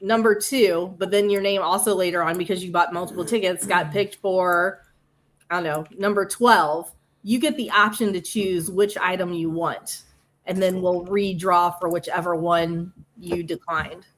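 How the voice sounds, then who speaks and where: A woman with a Midwestern accent hosts a casual livestream, running through announcements in a chatty way. Her voice sits a little low, and she drops in quick asides and laughs as she goes. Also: steady tone, slight background noise. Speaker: livestream host.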